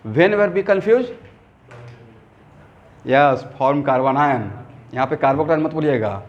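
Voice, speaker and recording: A man lectures a chemistry class, asking questions and answering them himself. His voice sits fairly high. The recording is dull and lo-fi, made in a classroom. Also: animated, extremely slow. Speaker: chemistry teacher. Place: classroom with students, also streamed online.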